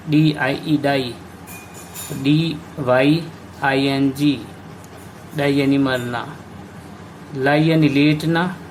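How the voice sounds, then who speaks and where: A man teaching an English grammar lesson, slowly explaining rules and spelling out words letter by letter. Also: a little high, slight background noise.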